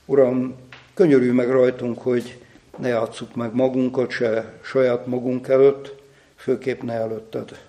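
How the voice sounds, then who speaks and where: A man preaching a sermon who reads a story and then leads a prayer in a slow, solemn way. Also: medium pitch, flat delivery, dark tone, roomy sound. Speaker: pastor.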